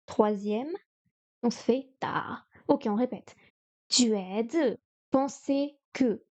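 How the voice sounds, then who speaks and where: A woman's voice: on the high side, a little mellow, muffled recording. A woman on a live stream studying Chinese vocabulary, repeating words, counting strokes aloud and chatting to herself as she goes.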